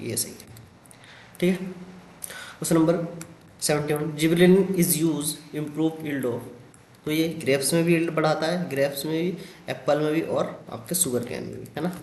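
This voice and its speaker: A man's voice: on the high side, a little mellow, slight background noise. Hindi-speaking man teaching biology, echoey room. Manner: addresses students as "beta", frequent "thik hai" and "hai na" check-ins. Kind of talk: exam question walkthrough lecture.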